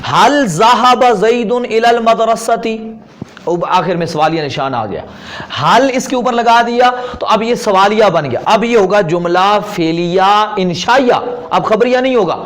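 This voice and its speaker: A man with an Urdu accent giving a classroom grammar lecture, explaining patiently and repeating terms slowly. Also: high-pitched, lively intonation. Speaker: Arabic grammar teacher.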